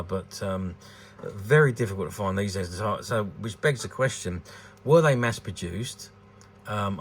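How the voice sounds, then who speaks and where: Slight background noise sits under this clip of a man from the United Kingdom in his sixties, his voice on the low side. He deals in vintage toys and talks informally and off the cuff about a collectable, hesitating, rambling and repeating words.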